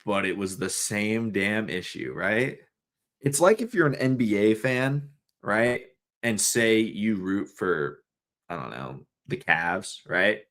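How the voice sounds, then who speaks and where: A man's voice: lowish voice, lively intonation, slow, fairly bright tone. A young man ranting on a live stream, frustrated and profane, with lots of fillers and restarts. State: coughing, throat irritated. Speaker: sports fan streamer. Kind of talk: casual live-stream rant.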